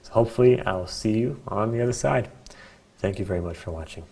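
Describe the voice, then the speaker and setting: Guy with a fairly low voice selling stuff on a webinar, informal hard sell ad patter. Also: brisk, gravelly, dark tone, breathy edge. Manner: hard-sell ad patter with stacked deals and chatty asides. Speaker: webinar presenter selling a product. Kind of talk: informal sales pitch.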